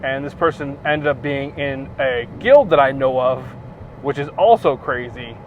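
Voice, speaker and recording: A man from New Jersey with an American accent, talking in a halting, emphatic, incredulous way in a casual gaming vlog. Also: mid-range voice, phone-quality sound, slight background noise. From New Jersey, USA. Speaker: gaming content creator. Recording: music behind the voice.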